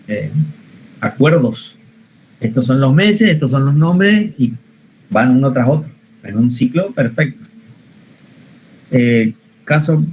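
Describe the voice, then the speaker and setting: A patient Argentine man who teaches computer science gives an online spreadsheet lesson, repeating steps and quizzing the class with questions. His voice is medium-pitched and a little mellow. The audio is poor, with a faint room hum behind him.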